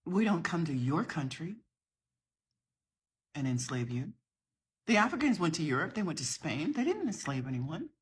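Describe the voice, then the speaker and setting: A woman's voice: deep voice, sing-song, moderate pace, pauses often, breathy edge. A middle-aged woman from the southern United States, talking to camera in an impassioned, emphatic rebuttal to another video. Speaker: social media creator.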